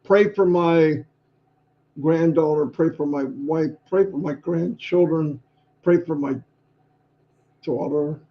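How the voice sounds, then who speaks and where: An older man co-hosting a casual livestream, chipper and rambling, a bit hoarse. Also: fairly high pitch, slow pace, pauses often. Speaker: livestream co-host. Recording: muffled lo-fi stream audio.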